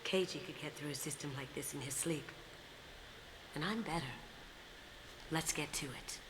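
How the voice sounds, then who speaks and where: Female master thief, confident, low voice, voiced by a woman, noisy game audio. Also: moderate pace, close to an everyday voice. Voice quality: confident, sly, softly spoken. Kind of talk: video game dialogue. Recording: game audio with clear background noise.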